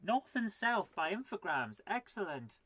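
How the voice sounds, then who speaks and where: In an unhurried, sing-song, mid-range voice with a fairly bright tone, a forty-year-old woman streams retro gameplay live despite a cold. She chats with her audience and mutters as she plays, in a chatty, self-deprecating manner.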